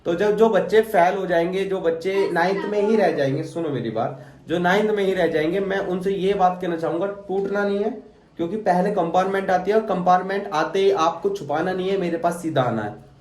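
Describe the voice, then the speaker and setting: A man's voice: high-pitched, darkish tone. Encouraging male math teacher in echoey classroom. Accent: Delhi Hindi. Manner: encouraging, conversational. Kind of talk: classroom pep talk. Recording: roomy classroom echo.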